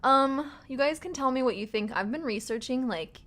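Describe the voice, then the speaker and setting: A young woman hosting a casual livestream, chatting in a rambling way and laughing often, her voice a little tired and rough. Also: sits high, normal speed, a bit bright. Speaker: livestream host and tarot reader.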